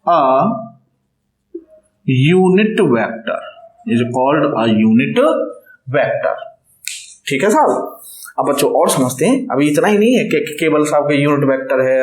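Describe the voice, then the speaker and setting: Man, physics teacher, emphatic repetitive lecturing, slightly high voice, echoey room. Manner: repetitive, emphatic teaching with frequent check-ins. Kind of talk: classroom lecture.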